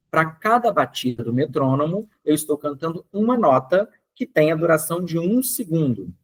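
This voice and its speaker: A man teaching a music theory lesson, explaining step by step and chanting rhythm syllables to a steady beat. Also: fairly high pitch, husky.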